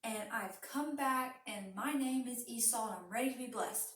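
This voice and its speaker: A woman's voice: fairly high pitch, moderate pace, a bit bright, close to an everyday voice. A woman voicing an eager young man who tricks his father, speaking earnestly in a children's story. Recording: roomy, from a distance.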